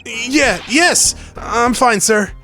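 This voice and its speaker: A man's voice: very high voice, drawn-out words, bright, forceful tone, faint music behind, pitched above the performer's own voice, full character voice. A man voicing an anxious, eager young rookie defence lawyer from a video game, stammering and over-assuring. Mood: panicky, eager.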